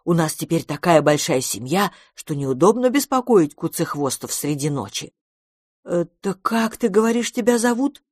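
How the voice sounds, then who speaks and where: A reader voicing a kind, timid foreign spy who talks gently, with sighs and uncertainty, in an audiobook. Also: medium pitch, big pitch swings, normal speed, dry recording, clean studio sound. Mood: resigned. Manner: gentle, sighing, unsure. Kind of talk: audiobook character reading.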